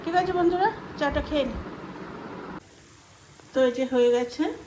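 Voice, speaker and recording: In a high voice at normal speed, a middle-aged woman with a Bengali Indian accent chats while cooking at home for her vlog. Her stories ramble casually and she re-enacts conversations from memory; the room echoes and there's some background noise.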